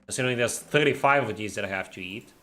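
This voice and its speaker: This game streamer is a fast-talking man with a lowish voice, heard against soft background music. He chats with viewers in a relaxed way, reading their messages as he plays and producing his R sounds in the throat.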